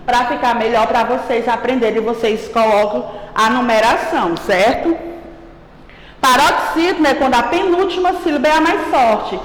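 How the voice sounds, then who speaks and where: A woman teacher with a Brazilian accent giving a patient grammar lesson to children, checking in with "right?" as she goes. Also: on the high side. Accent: Brazilian Portuguese. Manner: slow, patient, calls herself "a tia", checks with "certo?". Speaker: primary school teacher. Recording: echoey room with long reverb.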